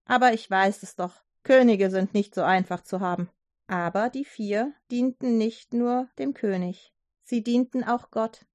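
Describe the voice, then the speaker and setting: A woman narrating a Bible story for children, lively, with chatty asides to the listener. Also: a little high, unhurried, dry recording, clean studio sound.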